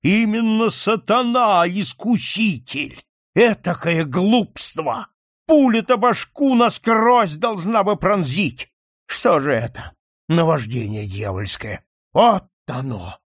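A hot-tempered old nobleman, as a male audiobook reader puts him on, bellowing gruff rebukes at his son. His voice climbs high and swings wildly, loud and harsh, recorded dry and close. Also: very animated, unhurried, no echo, exaggerated voice. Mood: furious. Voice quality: gruff, shouting.

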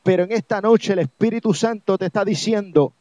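Preaching a sermon for a religious program, a Puerto Rican evangelist speaks fairly quickly in a high, mellow voice, hammering home his message with insistent repetition in his Puerto Rican accent. There's no room sound; the recording is dry, dull, and lo-fi.

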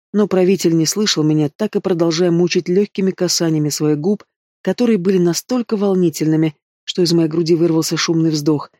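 A man reading a fantasy romance audiobook in first person, in an even, expressive way. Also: a little high, no room sound, studio quality. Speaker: audiobook reader. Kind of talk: first-person novel narration.

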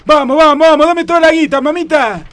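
A bumbling, leering Argentine robber in a radio comedy sketch. The voice is pinched up extremely high and giggly. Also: male voice, fairly quick, fairly bright tone. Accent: Rioplatense Argentine. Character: sleazy flirting petty male thief.

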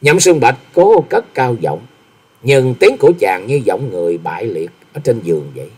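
A man narrates a novel as an audiobook, telling the story expressively. His voice is medium in pitch with a breathy edge, and he reads at a normal speed.

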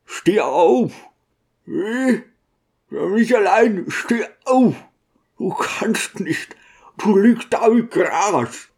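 A man's voice: fairly high pitch, very animated, slow pace, voice pushed up. A man voicing a trembling grieving deacon. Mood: pleading. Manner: pleading, hushed and trembling. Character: grieving devout male deacon at a coffin.

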